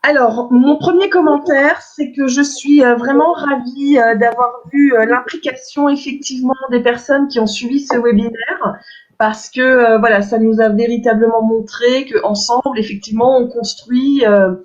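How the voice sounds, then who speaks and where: Woman with a high voice on dull call audio. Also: fairly even intonation, moderate pace. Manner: enthusiastic, reflective. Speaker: webinar co-organizer. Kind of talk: commentary on a webinar.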